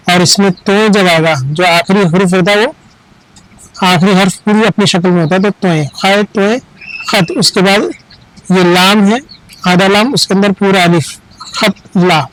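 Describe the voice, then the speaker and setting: A man's voice: sits high, fairly bright tone, slight background noise, poor audio. A man teaching a reading lesson, patiently spelling out words letter by letter and drilling short phrases.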